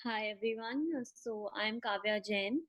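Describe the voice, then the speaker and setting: A woman in her twenties speaking as a student panelist, chatty and quick to push on. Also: mid-range voice, steady tone, a bit bright. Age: 20s. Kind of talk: casual panel discussion.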